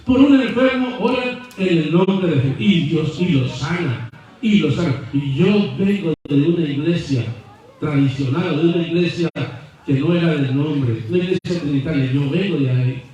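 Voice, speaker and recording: A male pastor preaches in a mellow voice pitched a little high for a man, at normal speed. He shifts between wry, humorous storytelling asides and fervent, rising declarations. The audio is heavily echoey and distant, like a church sanctuary heard from across the room.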